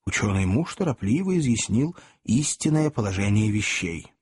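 A man narrating a classic novel as an audiobook, reading in a theatrical, expressive way. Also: lowish voice, moderate pace, breathy edge, dry recording, clean studio sound.

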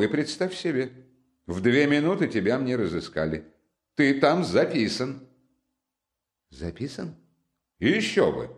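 A loud, excitable young chatterbox, as a man puts him on for an audiobook, his voice jumping high and swinging all over as he teases and boasts. His talk is quick and animated, friendly and full of himself. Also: natural voice. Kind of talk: audiobook character reading.

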